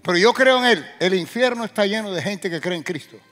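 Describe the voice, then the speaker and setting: Male pastor, sermon delivery, high ringing voice with sudden loud surges; reverberant hall, soft music bed. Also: animated, fairly quick. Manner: preaching with sudden loud rising bursts and direct questions to the congregation.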